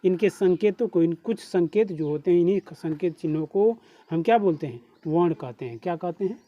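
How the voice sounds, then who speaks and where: A man's voice: sits high, lively intonation, a little fast, muffled recording. A man with a Bhojpuri accent teaching a class, who keeps asking questions back to his students. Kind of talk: classroom lesson.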